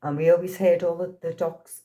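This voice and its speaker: Speaking at a moderate pace, this woman has a lowish, dark voice and fairly even intonation. She's a sixty-something actress from Liverpool with a Liverpool accent, being interviewed casually and telling anecdotes punctuated by frequent laughs.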